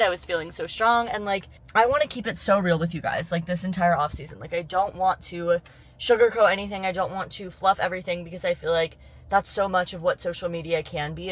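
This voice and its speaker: A young woman vlogging her day into a handheld camera, chatty and candid, with a slightly low voice for a woman. She talks freely to her viewers, with plenty of fillers and quick asides. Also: fairly bright tone, poor audio. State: out of breath after cardio. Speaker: fitness coach and competitor. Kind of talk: casual vlog talk to camera. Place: gym, then outdoors by a road.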